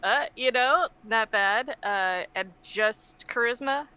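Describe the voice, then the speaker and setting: A woman's voice: on the high side, slow pace, sharp tone, smooth, muffled recording. A woman casually improvising as a tabletop game player, hesitant and thinking aloud.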